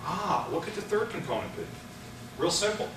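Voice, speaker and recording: A man running a live sales training seminar in a large room, animated and playful, shouting instructions to volunteers. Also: high-pitched, moderate pace. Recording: echoey room recording from far off, noisy.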